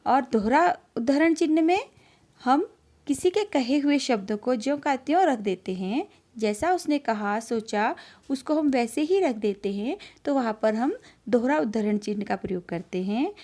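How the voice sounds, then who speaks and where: A woman's voice: sits high, animated, mellow. Woman teaching children online. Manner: slow, explaining, addresses children directly.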